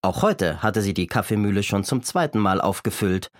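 A man reads a children's story aloud with an animated, expressive delivery. His pitch rises and falls freely, and the reading is carefully paced. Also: moderate pace, no echo, studio quality. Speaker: narrator.

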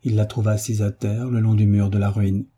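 A man reading a novel aloud as an audiobook narrator, gentle and measured, lifting his voice slightly for the characters. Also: lowish voice, little pitch movement, breathy edge. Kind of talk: scripted narration.

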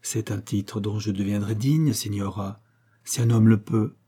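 A devoted, chastened Venetian gentleman answers in a low, quiet, solemn voice, as a male reader puts him on. His tone is husky and dark, as in a spoken storybook. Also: fairly even intonation, a little slow.

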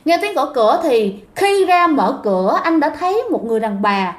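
A woman's voice: sits high, sing-song, moderate pace. A woman telling a ghost story in a chatty, casual way, talking straight to her listeners. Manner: chatty, addresses listeners directly. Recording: roomy echo.

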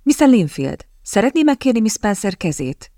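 A woman's voice: a little high, big pitch swings, dark tone, no room sound, studio quality, pitched above the performer's own voice. A woman reading the part of a proud young lady who speaks sharply and with cutting sarcasm. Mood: icy sarcastic. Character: young woman, proud, quick-witted, indignant.

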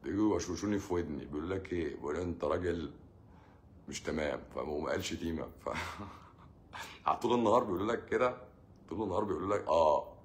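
A man's voice: low voice, very fast, slight background noise. A man with an Egyptian accent, a doctor hosting a casual live Q&A, sarcastic and joking as he acts out what his patients say. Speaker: doctor hosting a live stream answering comments.

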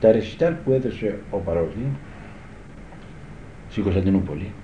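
A man's voice: deep voice, animated, slight background noise. An older man, a guitar teacher, reminiscing in a rambling, conversational way and often asking if his listeners understand. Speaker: guitar teacher recalling the past. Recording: echoey room, dull old tape.

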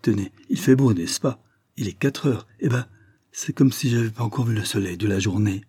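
A man reading aloud voices a blunt, lovesick peasant farmer who rolls his R and blurts his words out in rushes. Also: on the low side, mellow, slightly rough, dry recording. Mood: pleading.

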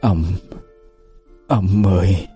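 A man's voice: sits low, measured pace, dark tone. A man voicing a teasing, shrewd old village wife, with faint music behind. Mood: weak faint.

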